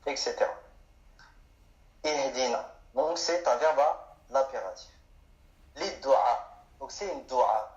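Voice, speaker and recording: A man's voice: medium pitch, a little mellow. A man giving an explanatory lesson on grammar, asking questions and answering them himself. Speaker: Arabic teacher. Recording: echoey room, dull sound.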